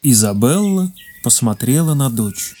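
Mellow storybook narrator. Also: medium pitch, big pitch swings, a little slow.

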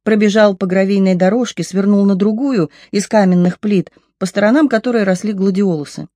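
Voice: mid-range voice, brisk, mellow, no room sound. Чтец, ровное повествование от первого лица. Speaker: audiobook narrator. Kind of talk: first-person audiobook narration.

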